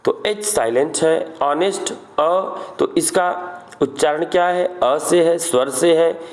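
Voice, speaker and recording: Slow, deliberate man teaching grammar. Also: on the high side. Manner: slow, explains step by step, asks questions then answers them. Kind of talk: grammar lesson.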